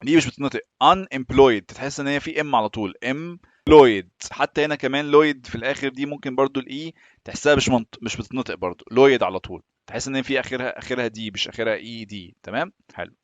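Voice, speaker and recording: A man's voice: mid-range voice, rapid-fire, a bit bright, dry recording. Egyptian male teacher, patient explainer, muffled dry recording. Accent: Egyptian Arabic. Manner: patient, often checks in with "تمام؟". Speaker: English teacher. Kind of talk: explaining English lessons in Arabic.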